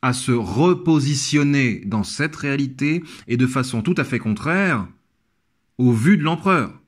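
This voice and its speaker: A man's voice: medium pitch, animated, unhurried. Man casually analyzing a comic book. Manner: familiar, addresses the viewer directly, savoring. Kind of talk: video analysis commentary.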